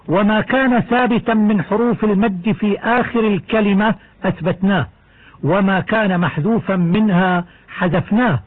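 A man teaching the rules of Quran recitation in a measured, explanatory radio lesson. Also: high voice, slightly rough. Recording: tinny old radio broadcast.

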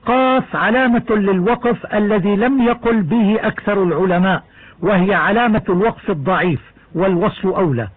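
A man teaching the rules of Quran recitation in a measured, explanatory radio lesson. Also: sits high, slightly rough. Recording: tinny old radio broadcast.

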